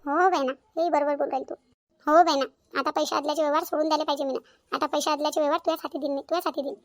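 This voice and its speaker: A woman's voice: high voice, steady tone, very fast, no echo, clean studio sound. A woman voicing a forgetful old mother-in-law in a cartoon, querulous and hesitant. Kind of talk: cartoon voice acting.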